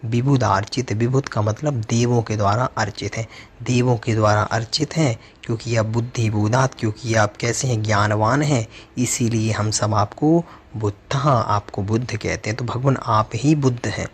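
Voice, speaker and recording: Guy doing a scripture lesson, chants lines slow then asks and answers his own questions, bit of faint hiss. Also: fairly low pitch, steady tone. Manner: chants verses slowly, then explains with rhetorical questions. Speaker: Jain teacher. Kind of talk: scripture recitation and explanation.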